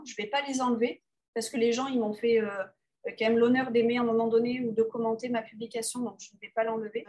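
A woman, an underwater photographer being interviewed, talking casually with many pauses and restarts. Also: on the high side, a little mellow. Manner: hesitant, many fillers and restarts.

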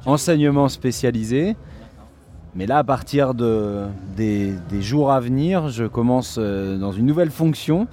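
A man from Île-de-France co-hosting a podcast, joking and relaxed in casual conversation. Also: mid-range voice, measured pace, slight background noise. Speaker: podcast co-host.

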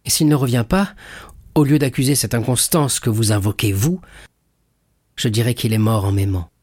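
A man's voice: medium pitch, normal speed, a little mellow, no room sound, clean studio sound, lightly acted. A man reading aloud voices a passionate, loyal young fiancée who pleads with fervor in a storybook. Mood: earnest pleading. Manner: fervent, tearful pleading.

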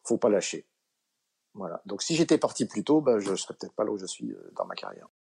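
A middle-aged comedian, appearing as an interview guest, tells anecdotes in relaxed storytelling full of fillers and acted-out dialogue. He speaks briskly in a lowish, gravelly, husky voice.

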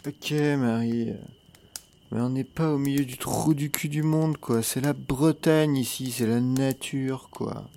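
A man's voice: mid-range voice, creaky, dark tone, slight background noise. An actor playing a sceptical young man who teases in a sarcastic tone. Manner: sarcastic, slow-spoken. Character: sceptical young man camping, teasing his partner.

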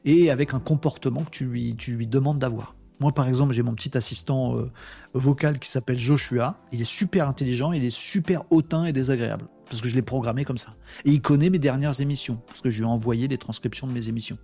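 Man, gravelly voice, casual live-stream host, faint music behind. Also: medium pitch, fast talker. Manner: lively, animated storytelling with sound effects like "bim"; reads viewer comments aloud. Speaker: host of a daily live webinar.

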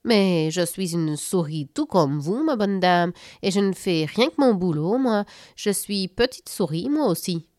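A woman's voice: lowish voice, lively intonation, measured pace, few pauses, darkish tone, no echo, studio quality. A woman voicing a brash, cheeky male tooth-fairy mouse with a Belgian French accent, talking in a mocking, cocky way. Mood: indignant. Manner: cocky, mocking, sprinkles "hein" and "là".

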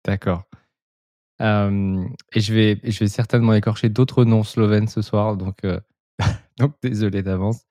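Deep, dark-voiced male podcast host. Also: steady tone, unhurried, dry recording, clean studio sound. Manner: hesitant, many fillers and restarts when asking. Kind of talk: scripted intro then casual interview.

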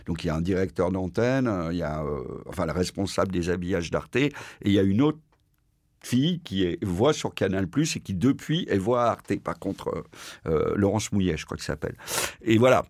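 Low-voiced man telling a story. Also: animated, brisk, darkish tone, no room sound, studio quality. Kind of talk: conversational storytelling.

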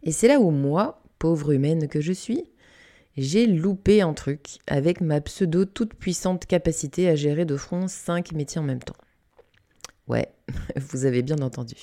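A woman's voice: deep voice, mellow. A woman from Canada hosting her own reflective podcast, talking candidly and casually with fillers and the odd swear. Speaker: podcast host. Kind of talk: unedited reflective podcast monologue.

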